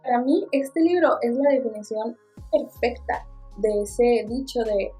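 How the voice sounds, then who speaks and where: A woman's voice: on the high side, unhurried, warm tone, breathy edge, faint music behind. A woman with a Mexican accent, a book vlogger chatting casually and expressively about her reading, with playful asides. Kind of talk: casual book review chat.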